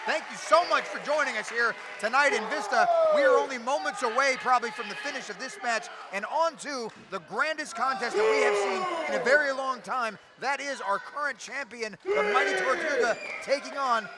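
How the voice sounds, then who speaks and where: A man calling a live pro wrestling match play-by-play with excited, dramatic delivery over a noisy venue. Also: extremely high pitch, brisk, hardly any pauses, over a noisy crowd.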